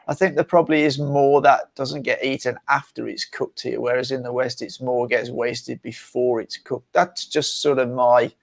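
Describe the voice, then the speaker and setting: A man's voice: mid-range voice, fairly even intonation, normal speed, creaky, few pauses. A man speaking as a panelist in a casual discussion, offering conversational, tentative observations.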